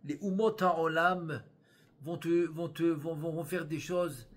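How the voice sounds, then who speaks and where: A man with a fairly high voice gives a religious lesson as a rabbi. He reads each passage slowly, almost chanting it, then goes back over it in plain talk. His explanations repeat the same phrase several times and restart often. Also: steady tone. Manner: slow, sing-song reading of the Aramaic text, then repeated explaining in French. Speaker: rabbi teaching Kabbalah.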